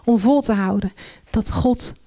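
A middle-aged woman preaching a sermon, telling Bible stories with lively voices for the figures. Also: on the high side, a little slow. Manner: animated storytelling, acts out voices in the reading.

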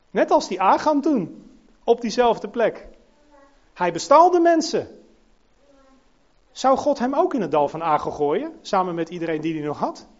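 A man preaching a sermon, emphatic, rising to loud peaks and dropping to soft, quiet passages. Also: sits high, highs cut off.

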